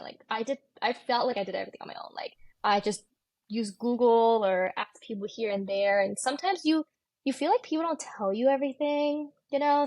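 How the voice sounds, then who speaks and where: Her fairly high, slightly mellow voice is recorded with no echo as this Californian medical student in her twenties joins a podcast as a guest, chatting candidly and casually with an American accent and frequent uses of "like."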